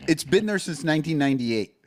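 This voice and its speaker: A man's voice: a little high, expressive, fast. Guy cohost rambling a bit, wry asides, restarts his sentences a lot. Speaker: podcast co-host. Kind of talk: casual chat about baseball.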